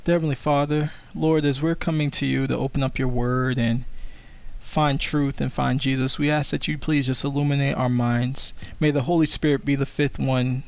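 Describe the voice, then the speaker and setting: A man's voice: mid-range voice, flat delivery, moderate pace, vocal fry, no room sound. A man from Washington, D.C. on a panel, leading a prayer and speaking earnestly. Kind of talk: prayer and reading, then discussion.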